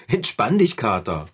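A woman's voice: rumbling low, breathy edge, exaggerated voice. A woman playing a grown-up bicycle mechanic in a radio play, down-to-earth and exasperated with her pet.

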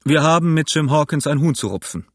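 A man's voice: on the high side, lively intonation, brisk, dry recording, clean studio sound. A man doing a sly, genial old pirate cook. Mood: menacing. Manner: smooth, amiable tone masking menace.

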